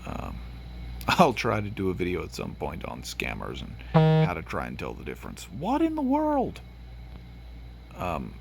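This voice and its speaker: Deep and gravelly, with a little hiss or hum, the voice belongs to a gaming channel host from Tennessee who has a Tennessee accent. His commentary is relaxed and meandering, crowded with fillers and restarts, and his allergies make him sniffly.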